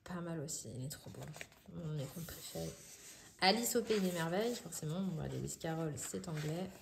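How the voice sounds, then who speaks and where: A woman's voice: sits low, moderate pace, creaky, roomy sound, slight background noise. A woman from France chatting casually through an unboxing, thinking aloud with lots of fillers. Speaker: vlogger.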